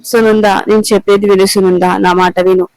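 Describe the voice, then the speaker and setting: A man reading the lines of a remorseful middle-aged husband begging his wife to listen, in a flat, clear voice. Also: high voice, a little fast, no room sound, poor audio. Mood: pleading. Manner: pleading.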